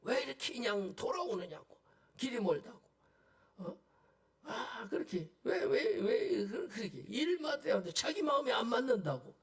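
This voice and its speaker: A man preaching a Sunday sermon as pastor, conversational, full of rhetorical questions and sudden hushed asides. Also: very high voice, very animated, a little slow, husky. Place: church sanctuary.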